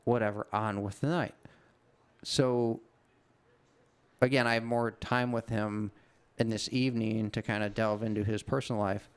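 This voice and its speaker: A man's voice: lowish voice, fairly even intonation, moderate pace, pauses often, smooth. A middle-aged man casually telling a long, rambling anecdote on a podcast, swearing freely. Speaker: podcast co-host. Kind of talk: casual storytelling chat.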